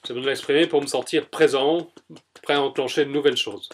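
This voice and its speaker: Man, mid-pitched, EFT tapping self-demonstration; short repeated first-person lines, emphatic then calmer. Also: fast. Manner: emphatic and exasperated; softer and more settled. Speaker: EFT practitioner.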